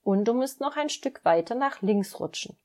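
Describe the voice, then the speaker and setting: A woman voicing a patient, gently fond mother duck in a children's story, explaining calmly. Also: fairly high pitch, normal speed, pitched above the performer's own voice, natural voice. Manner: calm and instructive.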